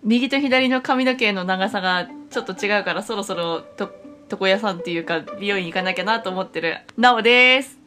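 A woman co-hosting a relaxed podcast in a Toyama dialect, chiming in often and laughing easily. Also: medium pitch, fairly quick, faint music behind. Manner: frequent backchannel, easy laughter. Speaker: podcast co-host. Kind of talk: casual podcast chat.

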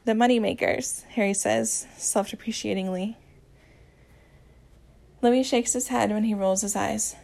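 A woman reads a romance story aloud in a gentle, even manner and shifts her voice a little for each character's lines. Her voice sits at a middle pitch and has a gravelly, creaky edge. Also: a little slow, long pauses. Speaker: audiobook narrator.

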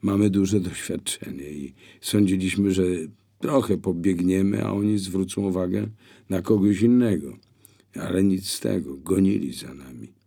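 A man reading an audiobook, voicing a shy young guest who speaks quietly and hesitantly. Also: low voice, moderate pace, vocal fry, husky, heavily acted. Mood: apologetic.

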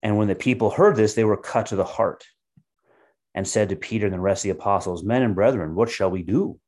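A man with a somewhat low voice leads a short devotional sermon. He reads scripture aloud and explains it in a steady, teaching manner. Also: fairly quick. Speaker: pastor.

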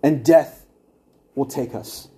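A man's voice: mid-range voice, takes it slowly, dark tone. A young man teaching an evangelism class at church, earnest and conversational, with wry asides to his listeners.

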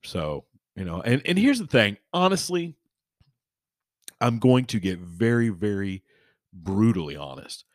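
A man hosting a podcast solo in casual, rambling, chummy talk, swinging between emphatic bursts and quiet trailing-off. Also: fairly low pitch, very animated, unhurried, dry recording, studio quality. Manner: rambling, informal, chummy address to listeners. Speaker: podcast host.

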